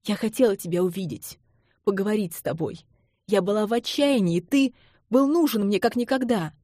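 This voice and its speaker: A woman's voice: medium pitch, brisk, no echo, studio quality, voice pushed up, natural voice. A woman voicing a desperate, tearful young woman. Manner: soft voice breaking into pleading cries.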